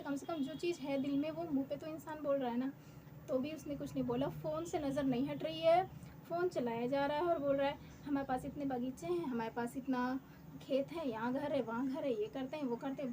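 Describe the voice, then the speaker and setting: A woman's voice: high voice, mellow. A young woman vlogger telling a personal story in a candid, rueful way, half-laughing at times. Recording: noisy room ambience.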